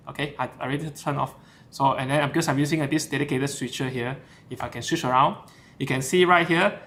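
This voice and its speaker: A man with a slightly high, somewhat bright voice hosts a live stream, chatting his way through his setup. He switches between English and Mandarin, filling his speech with fillers and restarts, all picked up on a camera shotgun mic.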